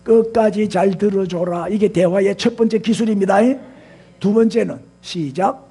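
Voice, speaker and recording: Husky older pastor with a Gyeongsang accent. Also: male voice, sits high, moderate pace, mellow. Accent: Gyeongsang Korean. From Gyeongsang region, South Korea. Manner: conversational preaching with frequent rhetorical prompts; leads the congregation in repeating phrases. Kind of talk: sermon.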